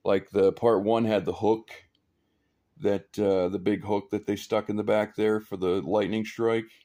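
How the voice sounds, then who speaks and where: Man, lowish voice, easygoing hobbyist walking through his models off camera; loose, rambling delivery with "uh"s and soft chuckles. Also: a little slow. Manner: relaxed and rambling, with fillers and small chuckles. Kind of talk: casual show-and-tell chat. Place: indoor hobby room, filming his own builds.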